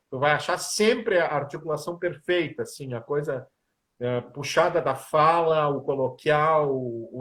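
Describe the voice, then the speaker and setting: A man, a musician and composer, talking casually in an interview and telling stories. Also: on the high side. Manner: animated storyteller, sings snippets of lyrics.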